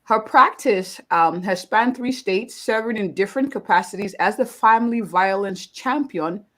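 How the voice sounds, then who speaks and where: A woman's voice: medium pitch, normal speed, a bit bright. A woman physician hosting a live-streamed interview, upbeat and effusive, often repeating words of praise. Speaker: host, family physician.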